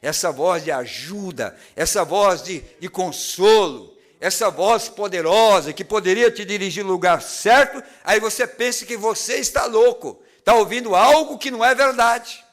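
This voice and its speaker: A man with a Brazilian Portuguese accent, preaching a sermon in a church, who moves between loud preaching and hushed, low retelling. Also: normal speed, few pauses. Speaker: pastor. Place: church tabernacle.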